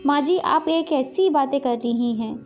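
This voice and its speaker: Woman doing a gentle, respectful young daughter-in-law. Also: high-pitched, unhurried, music in the background. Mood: reassuring.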